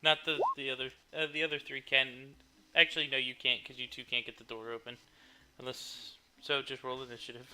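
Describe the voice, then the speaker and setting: A man's voice: medium pitch, flat delivery, brisk, background noise. A man acting as game master for a tabletop game, describing scenes and laughing often.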